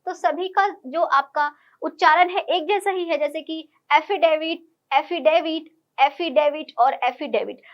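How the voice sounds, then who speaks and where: A woman's voice: high-pitched, fairly bright tone. A woman teaching an online exam-prep English lesson, explaining each question patiently and repeating key words.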